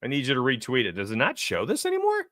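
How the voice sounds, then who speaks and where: A man hosting a casual sports betting livestream, talking in an animated, rambling way and chuckling often. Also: mid-range voice, fast, dry recording, studio quality. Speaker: sports betting show host.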